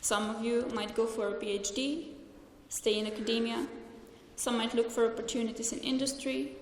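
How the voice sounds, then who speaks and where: A young woman from Slovenia gives a formal graduation speech in English from a lectern. She reads carefully and earnestly, stumbling slightly now and then, her somewhat high voice echoing through a large hall with faint room ambience. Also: fairly even intonation, normal speed, slight background noise. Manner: careful, earnest, read from notes with small restarts.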